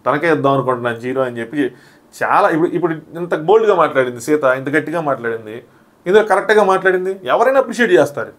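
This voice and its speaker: Fast-talking man recapping a show. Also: fairly high pitch. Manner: animated, re-enacts contestants' quotes. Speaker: reality show reviewer.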